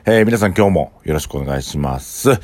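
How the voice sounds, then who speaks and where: A man with a Kansai accent, a restaurant owner hosting his own podcast in a relaxed, rambling way with many filler sounds. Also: a bass voice, a little fast, no echo. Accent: Kansai Japanese. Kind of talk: casual solo podcast talk.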